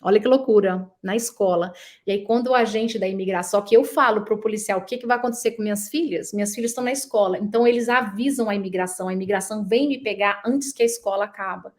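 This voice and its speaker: A middle-aged woman from Brazil, a guest in a casual interview, telling a story in an animated way and acting out the dialogue. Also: medium pitch, fast. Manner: animated, acts out quoted dialogue.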